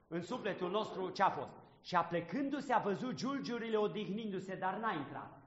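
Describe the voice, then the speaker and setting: A man with a high voice preaches, reading scripture and thinking aloud with questions put to his listeners. His voice rings with the long reverb of a large room, and the sound is somewhat dull. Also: fairly bright tone. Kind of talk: sermon commenting on scripture.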